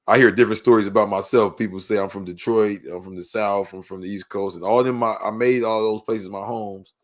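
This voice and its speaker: This guy's voice sits on the low side, steady and quick. Born and raised in Los Angeles with the local accent, he tells his story as a podcast guest, loose and slangy, with "you know what I mean" sprinkled throughout.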